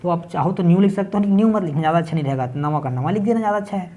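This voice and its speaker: A man's voice: sits high, rapid-fire, warm tone. Male teacher, Chhattisgarh accent, classroom grammar lesson, step-by-step explaining, keeps checking in. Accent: Chhattisgarh Hindi. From Chhattisgarh, India. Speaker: English teacher.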